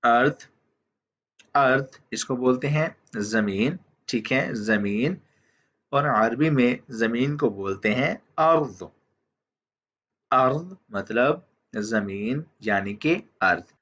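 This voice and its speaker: A man teaching vocabulary, who says each word and then says it again slowly, often checking in with "theek hai". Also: mid-range voice, a bit bright. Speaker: language teacher. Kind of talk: slow vocabulary lesson. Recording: dull lo-fi audio.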